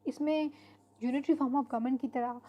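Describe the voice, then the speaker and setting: Woman, online lecturer, fairly high voice, mellow tone, explanatory manner. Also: steady tone, moderate pace, lo-fi sound. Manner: explanatory, mixes English terms into Hindi-Urdu, frequent fillers. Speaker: teacher.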